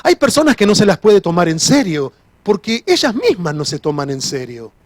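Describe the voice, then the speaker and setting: High-voiced pastor preaching. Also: male voice, big pitch swings, moderate pace, dry recording. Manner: earnest, repeats key phrases, restarts sentences. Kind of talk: sermon.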